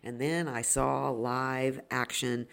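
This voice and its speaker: A woman with a gravelly, slightly sniffly, hoarse voice, hosting a solo podcast and explaining things reflectively as an educator. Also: a bass voice, fairly even intonation, takes it slowly. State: hoarse and slightly sniffly after a long day of judging. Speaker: podcast host and dance educator. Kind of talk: solo podcast talk, informal teaching.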